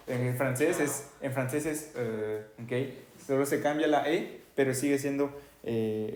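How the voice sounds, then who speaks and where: A man gives a French pronunciation lesson at a steady, mid-pitched tone. He models each sound slowly and checks in constantly with the class. His voice carries a noticeable roomy echo. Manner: repeats "¿ok?" after nearly every phrase, demonstrates sounds slowly. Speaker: French teacher.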